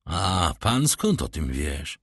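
A man voicing a cool, commanding nobleman who speaks in a measured, ironic way, in an audiobook reading. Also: a bass voice, sing-song, gravelly, a bit bright, husky, dry recording, clean studio sound, pitched below the performer's own voice, exaggerated voice.

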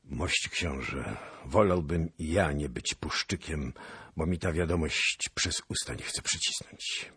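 A man's voice: extremely low pitch, expressive, measured pace, sharp tone, husky, no room sound, studio quality, full character voice. A man voicing a grim, weary young officer who speaks in a subdued, grave way.

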